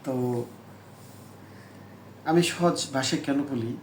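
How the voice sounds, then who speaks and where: Slow, patient male English teacher. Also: medium pitch. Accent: Bangladeshi Bengali. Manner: slow, repeats example phrases deliberately. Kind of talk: spoken English lesson. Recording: echoey room with faint background noise.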